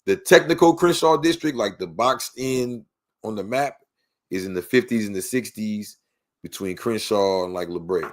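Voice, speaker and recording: With a lowish voice and moderate pace, an Angeleno with the local accent guests on a podcast to tell his story. His talk is easygoing and slangy, with "you know what I mean" popping up often.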